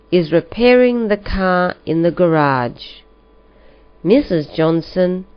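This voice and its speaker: Female reader for a learners' listening test; very slow, careful delivery on a muffled lo-fi recording. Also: fairly low pitch, smooth. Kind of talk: slow scripted reading for learners. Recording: dull lo-fi recording.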